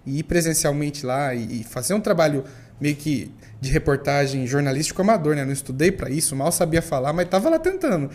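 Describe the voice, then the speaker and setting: A man's voice: fairly high pitch, animated, fairly quick, darkish tone. A man casually telling a story about how he started covering events as a reporter. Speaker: podcast guest, event reporter.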